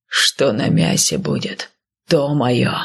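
A woman voicing a grim, emotionless undead northerner in an audiobook, speaking in a flat, grumbling way. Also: very deep voice, slow pace, breathy edge, voice pushed down, full character voice. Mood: gruff. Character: cold lazy undead northern man, grim. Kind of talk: audiobook character voice.

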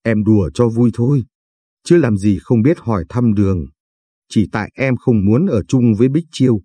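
A man voicing a shy, polite young woman with a limp, speaking softly and timidly in a storybook reading. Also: medium pitch, moderate pace, breathy edge, no echo, lightly acted. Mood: shy, teasing.

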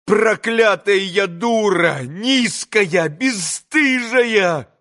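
A man reading aloud voices a proud, bitter young woman who cries out in shrill, strained tones. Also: animated, extremely slow, sharp tone, heavily acted. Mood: bitter, tearful.

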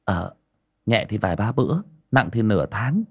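A man voicing a calm young woman exorcist who speaks in a low, matter-of-fact way. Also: moderate pace, slightly rough, exaggerated voice.

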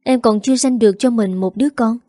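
A woman's voice: a little high, fast talker, dark tone, no echo, studio quality, lightly acted. A woman voicing a young wife in an audio story, frail and wronged, speaking in a choked, pleading way. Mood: bewildered.

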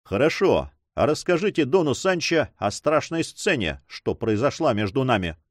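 A man's voice: medium pitch, very animated, moderate pace, no echo, studio quality, pitched above the performer's own voice. A man voicing a stern, commanding but magnanimous older nobleman, speaking solemnly in an audiobook.

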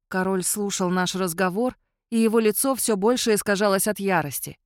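A woman narrates a fantasy audiobook in the first person, in a steady storytelling way. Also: medium pitch, normal speed, no room sound, clean studio sound.

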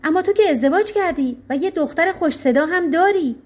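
A woman voicing a calm, shrewd old king in disguise in a storybook tale. He speaks politely, with gentle irony. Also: very high-pitched, pitched above the performer's own voice.

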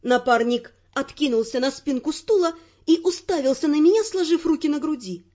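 A woman narrating a first-person audiobook in a smooth, steady storytelling voice. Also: sits high, normal speed, muffled recording.

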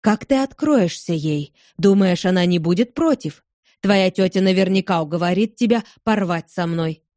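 Shy young farmer in love, hesitant and slow, soft dark tone, read by a woman. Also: lowish voice, lively intonation, no echo, clean studio sound, lightly acted. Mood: worried.

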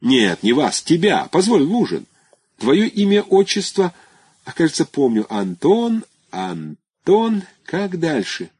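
Audiobook role: man doing a gushing, chatty schoolmate, husky voice, dry close sound, lively exclaiming lilt. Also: fairly high pitch, slow, dry recording, pitched above the performer's own voice, full character voice. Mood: effusive. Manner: effusive, exclaiming, rambling memories. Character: chatty nostalgic former classmate, adult man. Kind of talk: audiobook character voice.

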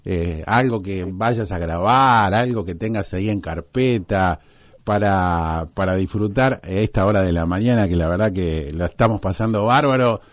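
A man with an Argentine accent hosting a radio interview, effusive and drawn-out as he thanks his guest. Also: deep voice, no echo. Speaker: radio host.

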